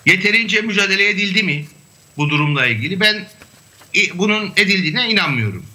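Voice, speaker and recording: A man with a high voice and a very bright, sharp tone explains his points as a guest on a panel discussion. He talks in a measured way, pausing often on fillers. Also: animated. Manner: measured, hesitant with frequent fillers. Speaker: academic guest.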